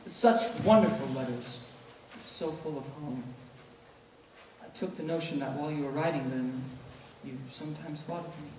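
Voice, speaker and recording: A man's voice: fairly high pitch, moderate pace, darkish tone, close to an everyday voice. Young guy acting as shy polite tutor in love, hesitant, stage play, far from mic with some noise. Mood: hopeful. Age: teenage or young adult performer. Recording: echoey stage, distant mic, noisy.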